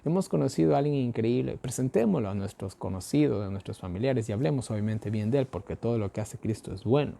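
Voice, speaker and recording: A man's voice: mid-range voice, expressive, fast, creaky, few pauses, warm tone. A man with an Ecuadorian accent teaching a daily Bible study, posing rhetorical questions and answering them himself in a folksy way, with everyday examples.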